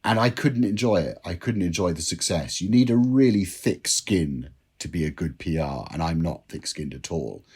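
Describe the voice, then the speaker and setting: A man's voice: deep voice, lively intonation, normal speed, hardly any pauses, a little mellow, slightly rough. A man, a drinks writer, telling self-deprecating anecdotes as a guest in an interview. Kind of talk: interview storytelling.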